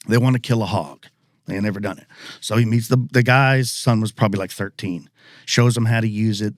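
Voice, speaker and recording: A man's voice: lowish voice, dry recording. Casual storytelling man, dry close sound. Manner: animated, acts out quoted people; casual, mild swearing. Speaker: podcast guest.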